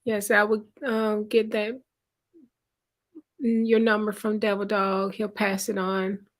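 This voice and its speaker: Unhurried woman hosting a live chat. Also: medium pitch, completely flat delivery. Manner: greets viewers by name, reads chat aloud; unhurried, conversational. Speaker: livestream host. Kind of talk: casual live-stream chat.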